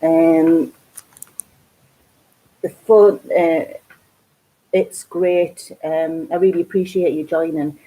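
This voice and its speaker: Woman, Geordie accent, craft vlog host, casual live chat, rambling, husky, warm tone. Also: deep voice, fairly even intonation, slow pace, pauses often, poor audio. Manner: chatty, rambling with many ums. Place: home craft room.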